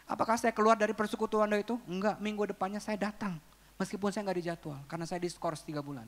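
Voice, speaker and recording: A male pastor with a high, bright voice gives a lively, joking sermon. His words ring with a long reverb off a large hall. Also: fast talker. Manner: lively, humorous storytelling. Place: church auditorium.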